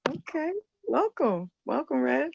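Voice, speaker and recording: A woman's voice: high voice, sing-song, a little slow, vocal fry, heavy background noise. A woman coordinating a youth program, welcoming students on a video call in a casual, encouraging way. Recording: muffled video-call audio.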